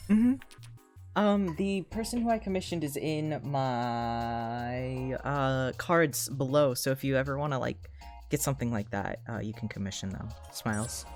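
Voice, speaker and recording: Excitable streamer chatting over a game. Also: medium pitch, a little slow, soft background music. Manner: excitable, swears freely, frequent repeats. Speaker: livestreamer. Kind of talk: casual chat while gaming live.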